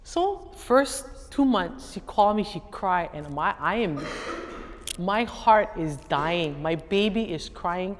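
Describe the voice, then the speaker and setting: This is a middle-aged Hawaiian-accented educator giving a guest talk, telling her audience a story with plenty of animation and acting out the voices of others. She speaks slowly, on the low side. There's hall echo and a faint hum of background noise.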